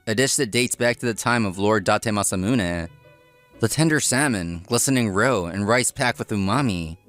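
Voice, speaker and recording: A man's voice: lowish voice, a bit bright. A man reading scripted first-person narration with acted dialogue as a dry restaurant owner in a comic dub. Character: dry, workaholic young male restaurant owner.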